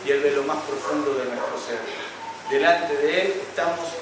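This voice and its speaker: A man preaching a sermon as pastor, quoting scripture slowly and emphatically and rising to loud, fervent passages. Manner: builds to loud, high-pitched fervent preaching; quotes scripture with slow, emphatic delivery. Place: church. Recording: echoey church hall, distant mic, noisy.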